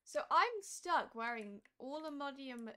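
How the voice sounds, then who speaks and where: A hoarse woman who is losing her voice, chatting casually and thinking aloud while live-streaming a game. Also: sits high, lively intonation, unhurried, pushed and bright. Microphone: streaming mic.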